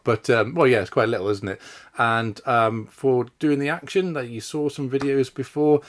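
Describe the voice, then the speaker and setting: A man giving casual, chatty vlog commentary as he tests and reviews a camera. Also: medium pitch. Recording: wind and vehicle noise behind.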